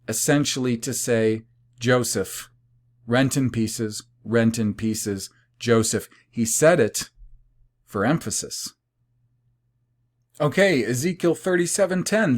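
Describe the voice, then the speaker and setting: A man talks through scripture passages at a slow, measured pace, lingering on words and saying them twice for emphasis. His voice sits at an ordinary middle pitch, and he now and then stops on a filler before carrying on. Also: a little mellow. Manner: deliberate, repeats words for emphasis; occasional fillers and restarts. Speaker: Bible language presenter. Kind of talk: explanatory scripture talk.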